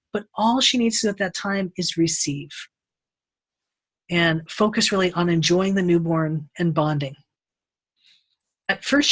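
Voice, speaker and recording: A middle-aged woman teaching an Ayurveda lesson in an unscripted, animated way, acting out quoted voices. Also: mid-range voice, breathy edge.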